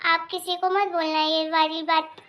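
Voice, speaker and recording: A woman voicing a timid young girl, a maid's daughter, in an animated cartoon, speaking softly and pleading. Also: very high voice, normal speed, lo-fi sound, faint music behind. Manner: timid, soft-spoken, pleading.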